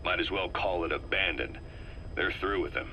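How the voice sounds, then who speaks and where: A calculating, shrewd intelligence operative explains a situation on a video game tape, his low voice measured, earnest, sharp, and forceful. The recording is rough, with faint hiss beneath it.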